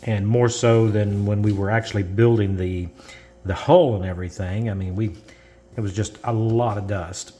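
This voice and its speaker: A man's voice: on the low side, steady tone, mellow. A man casually walking through a model-building step, rambling and correcting himself as he goes. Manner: slow, rambling, self-correcting, chuckles. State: coughing from dust. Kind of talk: casual how-to narration.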